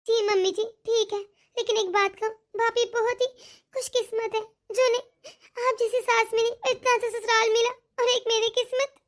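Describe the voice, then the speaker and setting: A woman's voice: very high-pitched, flat delivery, moderate pace. A woman voicing a self-pitying young married daughter in a cartoon, whining and complaining. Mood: whiny. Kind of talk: cartoon dialogue.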